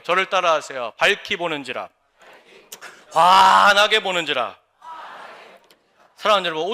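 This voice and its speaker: A man's voice: high voice, pushed and bright. A male pastor preaching a sermon, pressing his point with repeated rhetorical questions and emphatic restatements.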